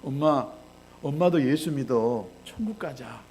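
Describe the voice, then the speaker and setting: A man's voice: medium pitch, animated, a little slow, darkish tone, slight background noise. A male pastor voicing an eager pleading young boy. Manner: pleading, insistent.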